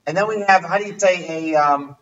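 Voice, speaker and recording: High-voiced man teaching from a distance. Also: brisk, fairly bright tone. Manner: quizzing, repeats questions. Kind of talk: casual language lesson. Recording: distant, muffled livestream audio.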